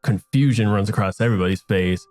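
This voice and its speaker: A man running a tabletop game as game master, narrating in a relaxed way with fillers and restarts. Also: fairly low pitch, fast talker, soft background music.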